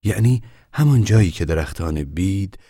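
A man reading a novel aloud as narrator, calm and measured, often dropping to a hush. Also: deep voice, no room sound, clean studio sound. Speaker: audiobook narrator.

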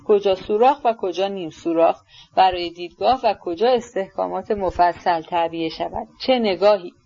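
A woman's voice: medium pitch, dark tone, natural voice. A woman reading the part of an old general who is grandly swept up in his own war memories, on a dull lo-fi recording.

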